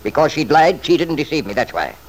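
A man with a fairly high, very animated voice speaks a little quickly, playing a stubborn, selfish middle-aged father in an old-time radio soap. He blusters and justifies himself emphatically, sounding indignant and defensive. The vintage radio drama recording is noisy.

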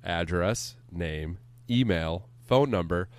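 Low-voiced man ranting on a podcast. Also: slow, no echo. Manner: animated profane ranting. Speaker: podcast co-host. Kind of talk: casual podcast banter. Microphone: studio microphone.

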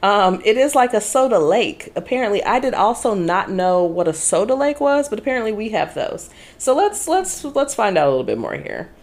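A woman co-hosting a casual podcast chat in an animated, chatty manner. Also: medium pitch, normal speed. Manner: animated, chatty, laughs often. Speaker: podcast co-host.

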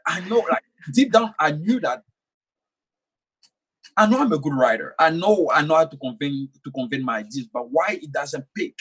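On a rough recording, a young man with French as his first language speaks as an author in a conversational interview. His voice is a little high and a bit bright with a breathy edge, and he talks earnestly, often repeating words while he thinks.

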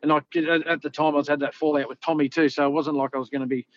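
Aussie bloke rambling thru old stories, bit higher voice, dull audio. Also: male voice, level tone, fast, no echo. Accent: Australian. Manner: rambling, laid-back, lots of "you know". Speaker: former rugby league player, guest. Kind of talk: casual interview storytelling.

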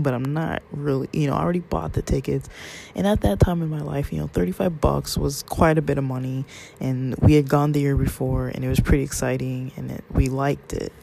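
A man's voice: medium pitch, vocal fry, warm tone, slight background noise. A man from Southern California telling a personal story in a rambling, conversational way. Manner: rambling, conversational, quotes others in passing. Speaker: vlogger. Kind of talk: casual storytelling monologue.

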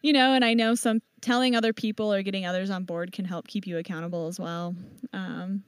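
A woman who races mountain bikes professionally, answering interview questions in a relaxed way and thinking aloud with many fillers and restarts. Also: medium pitch, a little fast, clear, resonant tone, no echo. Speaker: professional mountain bike racer and team owner.

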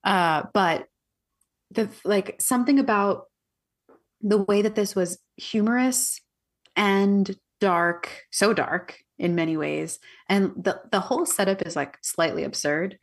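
A woman's voice: medium pitch, slow pace. A woman co-hosting a podcast, with a playful, giggly and slightly hesitant way of talking. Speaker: podcast co-host. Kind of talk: casual chat.

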